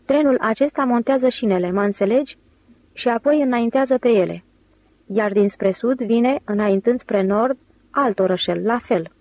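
A woman's voice: a little high, a little mellow, no echo. A woman voicing a sweet, teasing young woman in an audiobook, lifting her voice for the part. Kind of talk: audiobook character reading.

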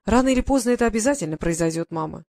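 A woman narrating an audiobook takes on the role of a young guard sergeant, calm and steady as he reassures his mother. She reads very fast in a mid-range voice, acting it only lightly.

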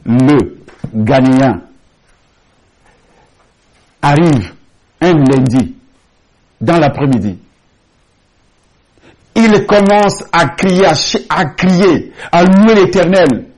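A man's voice: on the high side, lively intonation, extremely slow, long pauses, a little mellow, rough recording. A man preaching a sermon as pastor, telling a testimony in an emphatic storytelling manner and repeating key phrases for weight. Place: large rented church hall.

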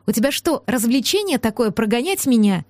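A woman's voice: sing-song, a little fast, a little mellow, no room sound, clean studio sound. A woman doing a stubborn fiery young heroine. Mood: defiant. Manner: high, snappy, indignant.

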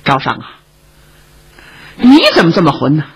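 A woman voicing a hearty old male hero who talks briskly, bantering and commanding. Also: low-pitched, sing-song, breathy edge, full character voice. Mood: scolding.

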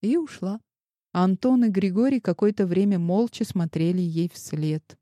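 Woman narrating an audiobook, mellow voice. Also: mid-range voice, normal speed, no echo, studio quality. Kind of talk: scripted narration.

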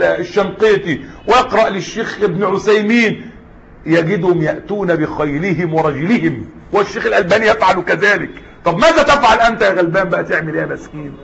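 A man's voice: high voice, gravelly, fairly bright tone. A man with an Egyptian Arabic accent teaching Islamic jurisprudence in a class lecture, switching between formal and colloquial Arabic and putting questions to the students. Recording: dull lo-fi lecture recording.

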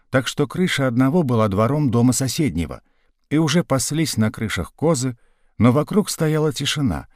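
A man reading a novel aloud as narrator, in a measured storytelling way. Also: fairly low pitch, no room sound, studio quality. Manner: measured storytelling read, lively in action. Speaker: audiobook narrator. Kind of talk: scripted narration.

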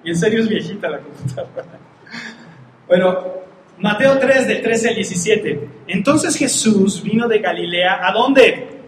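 A man preaching a lively sermon, acting out Bible characters and joking with his congregation. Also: high voice, measured pace. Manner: animated, acts out characters, jokes with congregation. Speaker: pastor. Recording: echoey hall, faint background noise.

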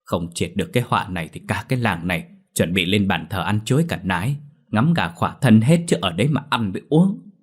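A man voicing a stern, gruff old male village elder in a storybook horror tale. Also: sits low, quick pace. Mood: scolding. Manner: gruff, commanding.

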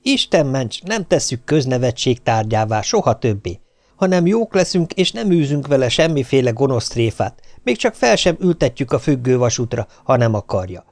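A man's voice: mid-range voice, big pitch swings, no echo. A man narrating an audiobook with dry, wry storytelling.

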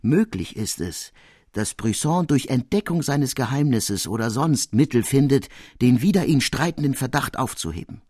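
A seasoned legal adviser gives counsel, as a man reads him aloud in an audiobook reading. He speaks slowly and deliberately in a husky, mid-range voice. The recording is dry. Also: mid-range voice, animated, a little mellow, dry recording. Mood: grave. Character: experienced, cautious male legal adviser.

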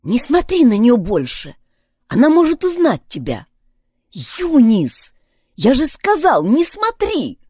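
A woman's voice: a little high, wildly swooping pitch, normal speed, darkish tone, no echo, clean studio sound. A woman voicing a cautious boy detective who keeps warning his companion in a storybook. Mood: urgent.

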